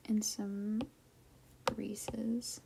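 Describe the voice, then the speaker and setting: A young woman whispering softly and offhandedly as she chats while drawing late at night in a quiet house. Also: mid-range voice, flat delivery, very slow, gravelly, noisy background. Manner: soft whispering, offhand and unbothered. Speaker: vlogger.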